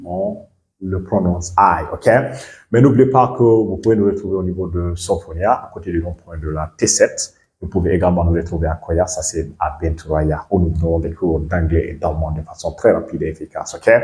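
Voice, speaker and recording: A man's voice: deep voice, darkish tone, reverberant. A man from Guinea, teaching English pronunciation and repeating example words while checking that listeners understand. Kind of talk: bilingual pronunciation lesson.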